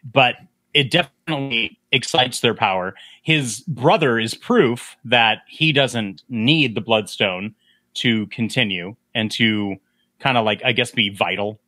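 A man's voice: mid-range voice, a little slow, no room sound. A man hosting a casual film discussion podcast, talking animatedly and acting out lines from the film. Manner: animated, acts out quotes in a breathy whisper. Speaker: podcast host.

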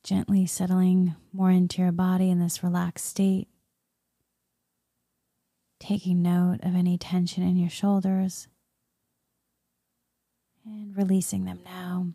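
A woman leading a guided meditation in a soft, soothing spa-like murmur that often slips into a whisper. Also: on the low side, monotone, takes it slowly, vocal fry, long pauses, slightly rough, dry recording, studio quality. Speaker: guided meditation leader, Reiki healer.

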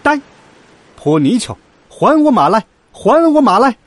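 A man voicing a hot-tempered male monkey king in a children's story, shouting shrilly. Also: extremely high pitch, slow, dry recording, voice pushed up. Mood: furious.

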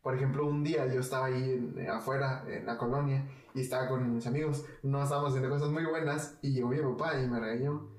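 A man's voice: medium pitch, steady tone, fast, few pauses, recorded from a distance. A young adult man with a Mexican accent, telling personal stories in slangy casual chat. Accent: Mexican Spanish. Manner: slangy, storytelling, emotional. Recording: echoey room, away from the mic.

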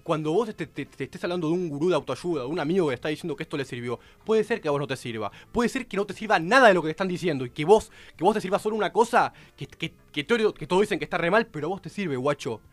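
A man with a Rioplatense Spanish accent, a radio host arguing his point in a heated panel debate, talking in rapid bursts full of restarts. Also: a little high, dry recording. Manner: rapid, excitable, many restarts.

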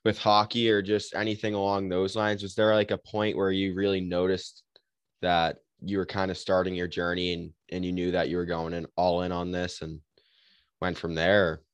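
Low flat-voiced male podcast host. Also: moderate pace, clean tone, dry recording. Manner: rambling, restarts questions. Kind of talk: casual interview questions.

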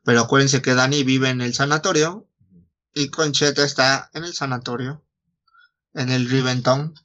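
A man's voice: medium pitch, steady tone, moderate pace, a bit bright, highs cut off. A Mexican man retelling a story in casual chat, slangy and foul-mouthed, acting out the dialogue as he goes. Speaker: podcast host retelling a story.

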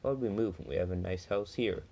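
A man voicing a puzzled, slightly sarcastic housewife in his own low voice, lifted a little. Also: fast talker, vocal fry, darkish tone, a little hiss or hum. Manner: questioning, a bit sarcastic.

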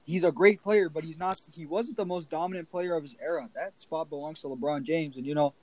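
A man's voice: fairly high pitch, a little fast, a little mellow, dry recording, low-quality recording. Assertive man arguing sports takes. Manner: assertive, argumentative. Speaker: podcast co-host. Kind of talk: casual sports debate.

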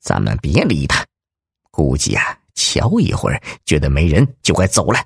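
A man playing a gruff, low kidnapper. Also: wildly swooping pitch, normal speed, no echo, studio quality, heavily acted. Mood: gruff, scheming. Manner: gruff, blustering, swearing. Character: tall gruff male kidnapper, bossy. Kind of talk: audiobook character voice.

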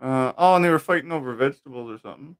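A man's voice: mid-range voice, rapid-fire. A man co-hosting a casual chat show, rambling and stumbling over his words. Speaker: podcast co-host.

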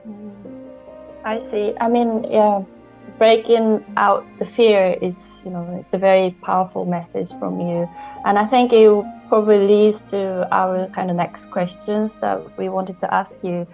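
Even-toned, creaky-voiced woman interviewer. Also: mid-range voice, a little slow. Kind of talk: conversational interview. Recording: dull lo-fi sound, faint music.

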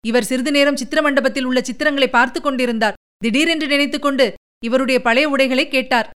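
A woman reading the part of a servile male palace guard, hurried and pleading before his master. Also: high voice, fairly even intonation, a bit bright.

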